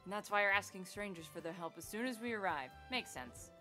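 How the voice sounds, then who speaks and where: Casting: woman as a composed young female game adventurer, bright tone, faint music. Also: medium pitch, animated, a little fast. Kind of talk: hobby voice-over of video game dialogue.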